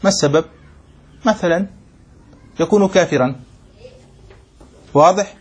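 A man's voice: sits high, a little slow, breathy edge. A man sheikh teaching a jurisprudence lesson. He reads a passage, explains it, and keeps asking short questions to check that students follow, mixing formal phrasing with colloquial asides. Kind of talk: classroom text commentary lesson.

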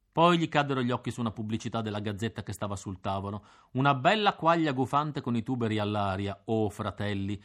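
A man reading an audiobook aloud as a theatrical first-person narrator, with an animated telling. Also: on the low side. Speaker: audiobook reader.

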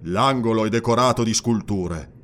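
Sex: man. Figure: a man doing a gruff barbarian warrior. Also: on the low side, moderate pace, fairly bright tone, slight background noise, close to an everyday voice. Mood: recounting. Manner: gruff and defiant.

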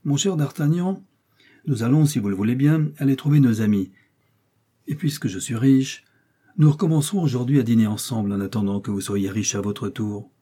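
A man reading aloud and voicing a refined young male musketeer with a gentle, distracted manner. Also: medium pitch, moderate pace, slightly rough, lightly acted. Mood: pleased.

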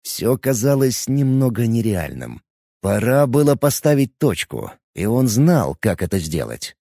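A man narrating a fantasy audiobook in expressive, scripted narration. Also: mid-range voice, measured pace, creaky, dry recording, clean studio sound.

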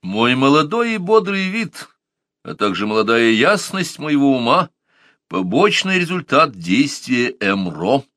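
A man voices a composed, polite old inventor in an audiobook story. He speaks calmly and with weight, and his intonation rises and falls a lot. The sound is dry and close. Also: mid-range voice, measured pace, no echo. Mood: weighty. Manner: calm, courteous, weighty delivery.

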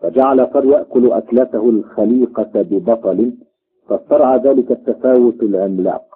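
A man's voice: medium pitch, fairly quick, breathy edge. A man narrating a myth in a dramatic storytelling style, voicing every character himself, on a tinny, phone-like recording. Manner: expressive, voices every character.

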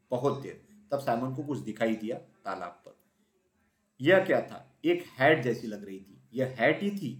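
Man reading a children's story aloud. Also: medium pitch. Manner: expressive storytelling. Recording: roomy echo.

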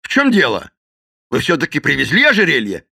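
A man playing a gruff, irritable ranch owner who barks out orders impatiently. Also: fairly high pitch, huge pitch swings, a little fast, pushed and bright, pitched above the performer's own voice, heavily acted. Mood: angry. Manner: barking, impatient.

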